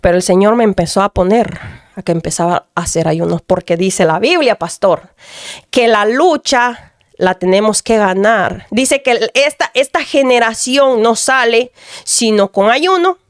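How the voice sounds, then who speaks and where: A woman gives an earnest testimony as a mother. She keeps turning to address the pastor in a mid-pitched voice. The recording is dry, with little room sound. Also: a little slow, no room sound. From Dominican Republic. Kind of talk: radio testimony.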